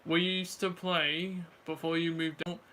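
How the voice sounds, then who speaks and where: A man's voice: a little high, little pitch movement, a little slow, pushed and bright, a little hiss or hum. A man chatting casually with a friend about everyday things, in slangy, informal speech. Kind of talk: casual chat.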